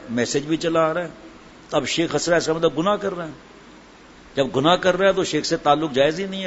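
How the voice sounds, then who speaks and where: A middle-aged man giving a sermon and telling a humorous story, acting out the voices of the people in it. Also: fairly high pitch. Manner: storytelling, acts out quoted voices. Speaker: Islamic preacher. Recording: dull lo-fi with faint hiss.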